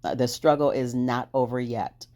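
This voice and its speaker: A woman's voice: very deep voice, fairly even intonation, moderate pace, dark tone. A woman hosting a crafting video, chatting cheerfully through each step and laughing at her own struggles. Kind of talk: casual crafting voice-over.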